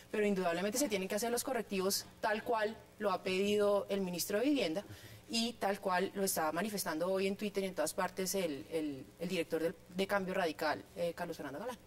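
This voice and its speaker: A woman, a Senate candidate speaking in a measured, formal way in a televised debate. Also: medium pitch, slight background noise. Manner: measured, formal, some hesitations.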